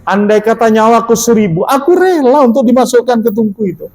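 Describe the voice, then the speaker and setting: A man's voice: very high voice, brisk, darkish tone, pitched above the performer's own voice. A male preacher voicing a brave captured commander who speaks earnestly and without fear. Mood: defiant. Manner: earnest, defiant. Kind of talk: sermon storytelling.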